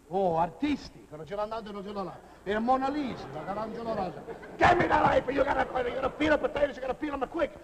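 Playing a jolly old-country Italian cook in a live comedy sketch, a man rambles in broken English with an Italian accent. His voice is extremely high, fast, and lively in intonation, heard over a noisy crowd in an old, noisy recording full of audience laughter.

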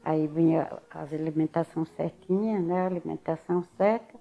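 A creaky, low voice at a moderate pace comes through lo-fi sound with gentle music behind it. The older woman, who has a Northeastern Brazilian Alagoas accent, narrates her life in a casual interview, lively and acting out other people's speech.

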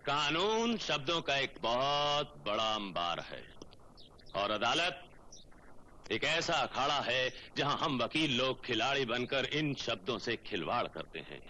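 An actor playing a cynical middle-aged senior lawyer who lectures slowly and slyly, in 1980s film drama dialogue. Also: male voice, mid-range voice, sing-song, bright, forceful tone, lo-fi sound, a little hiss or hum, exaggerated voice. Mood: lecturing. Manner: lecturing, sly, drawn-out delivery. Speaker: senior lawyer heading a law office.

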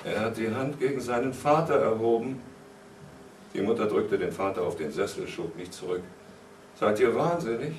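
A man giving a live literary reading with expressive narration. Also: on the low side, moderate pace, slight background noise. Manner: expressive narration with lively shifts. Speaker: reader. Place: cinema hall, live reading. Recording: roomy hall, mic far off.

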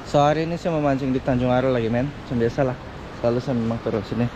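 A man's voice: mid-range voice, racing, muffled recording. A young man from Malaysia, chatting casually as he films himself fishing, often tagging "men" onto his phrases. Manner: relaxed, chatty, drops "men" after phrases. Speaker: fishing vlogger. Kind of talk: casual self-filmed commentary. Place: kayak on open sea, outdoors. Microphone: action camera on body. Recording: outdoor camera audio with clear wind and water noise. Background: wind and water.

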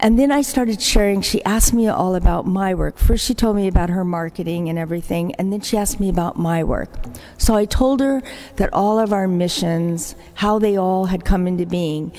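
At Mass in a large church, an older religious sister tells warm stories about her community's work as an appeal, imitating the people she quotes. She speaks at medium pitch and normal speed, and the recording echoes like a church hall.

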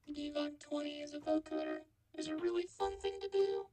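A man's voice: extremely high pitch, fairly even intonation, brisk, dark tone, faint music behind, pitched above the performer's own voice. A man's voice run through a vocoder with formant shifting, which gives it a synthetic, robotic sound. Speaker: music production instructor. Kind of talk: demonstration sample, repeated phrase.

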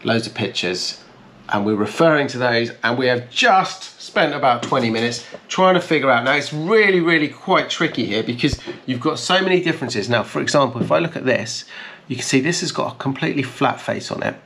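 Seated at a table in a sunny conservatory full of plants, a thirtysomething car restoration host walks through things step by step in a casual, hands-on vlog. He speaks fairly quickly, animated and medium-pitched, with a bit of brightness. A little hiss or hum is audible.

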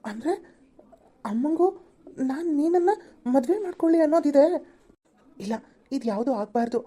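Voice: high voice, animated, normal speed, mellow. A woman voicing a lovestruck young man with a broken arm in a home-made cartoon. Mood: brooding. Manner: teasing, brooding inner monologue.

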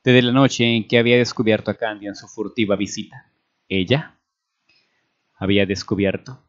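A man with a fairly low voice narrates a story aloud in a measured, steady way. The recording sounds dull and lo-fi. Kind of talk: reading a fan story aloud.

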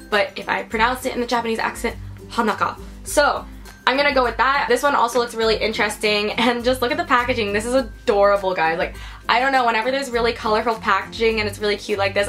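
A woman's voice: medium pitch, pushed and bright. A young American woman in her twenties, chatting upbeat to camera in a casual beauty haul, full of "like" and "you guys". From United States. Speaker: beauty vlogger. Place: her room indoors.

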